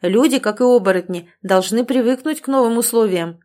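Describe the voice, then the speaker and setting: Brief: female reader voicing a commanding man, even and unruffled. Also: on the high side, a little fast, lightly acted. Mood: calm. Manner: level, even voice. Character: calm commanding male alpha ruler.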